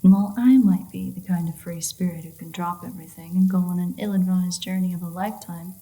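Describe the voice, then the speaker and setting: A woman plays a sardonic, free-spirited, flirtatious vampire in an intimate audio roleplay, teasing and swearing as she goes. Her natural voice is fairly low and dark, with fairly even intonation and a fast pace. The mood is sarcastic and teasing.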